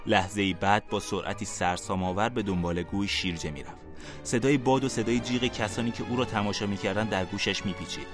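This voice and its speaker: Low male storyteller, calm podcast narration over soft music.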